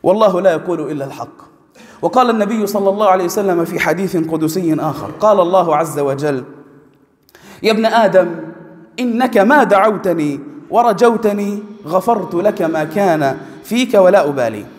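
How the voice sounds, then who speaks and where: A man preaching a Friday sermon in a mosque, fervent and building to emphatic, near-shouted exhortations. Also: sits high, a little fast. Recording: long hall reverb.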